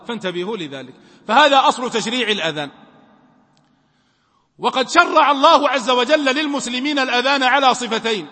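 High bright-voiced sheikh teaching. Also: male voice. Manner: emphatic, poses questions to students and answers them. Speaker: sheikh teaching Islamic law. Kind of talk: religious lesson. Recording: long reverb from a hall.

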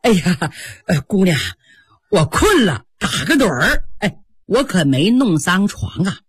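Lady putting on a low husky old village granny, twang, oohs and aahs a lot. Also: big pitch swings, a little slow, no echo, studio quality, full character voice. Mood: fawning. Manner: folksy, exclaiming. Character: rustic old countrywoman, chatty and humble.

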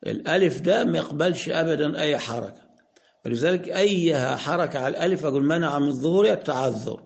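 A man with an Egyptian accent teaches Arabic grammar in a rough, gravelly voice that sits a little high for a man. He asks his own questions and answers them. He slows down to spell out each example sentence. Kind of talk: explanatory lesson.

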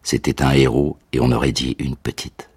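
An actor playing a grieving old male tutor who recalls the war in a slow, hushed, grave monologue for a radio drama. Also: a bass voice, flat delivery, slightly rough, dry recording, exaggerated voice. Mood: mournful. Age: older. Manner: slow, hushed, grave delivery with whispered phrases. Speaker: narrator of a radio reading.

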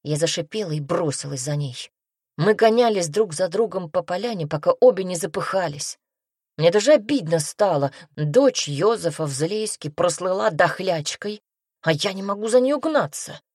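A woman narrating a first-person fantasy audiobook in a lively, expressive storytelling manner. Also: on the low side, normal speed, slightly rough, no echo, studio quality.

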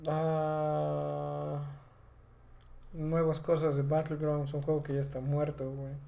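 Hoarse Mexican man chatting about games. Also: on the high side, monotone, slow, mellow. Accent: Mexican Spanish. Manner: slangy, says güey constantly. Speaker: podcast co-host. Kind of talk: casual gaming podcast chat.

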